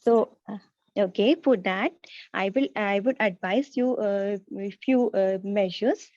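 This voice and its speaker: A woman's voice: medium pitch, darkish tone, no room sound. Woman practising as a nurse, reassuring and polite, kinda hesitant, dry muffled-ish audio. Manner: hesitant, halting delivery. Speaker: nursing student practising a role play. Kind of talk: role-play as a nurse counselling a parent. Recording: slightly dull, lo-fi audio.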